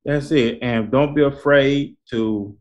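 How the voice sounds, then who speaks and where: A man's voice: mid-range voice, slow pace, a little mellow, dull audio. A man hosting a talk in a colloquial, preacherly style, repeating his points to urge listeners on. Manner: repetitive, exhorting, colloquial. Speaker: host. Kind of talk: conversational talk, motivational preaching.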